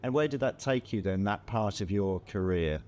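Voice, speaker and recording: A man hosting a festival stage interview, asking gentle prompting questions. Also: fairly low pitch, animated, normal speed.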